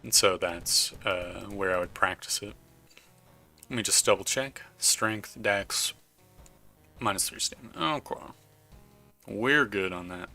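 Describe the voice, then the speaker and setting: A man's voice: lowish voice, measured pace, vocal fry, pauses often, pushed and bright, faint music behind. A man casually commenting while playing a video game, chatting and reading the game's text aloud. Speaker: gaming YouTuber. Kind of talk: casual let's play commentary.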